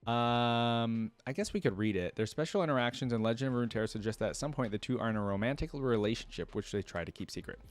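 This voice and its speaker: Hosting a reaction video, a man reads aloud and comments informally, thinking out loud and addressing viewers directly. His mid-range voice moves quickly with few pauses.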